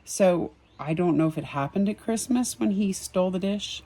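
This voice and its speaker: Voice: mid-range voice, moderate pace, warm tone. Vlogger musing over a drawing outdoors in the evening, unscripted, rambling with frequent ums and small chuckles. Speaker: sketch artist and empathic reader. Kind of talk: casual commentary on a drawing.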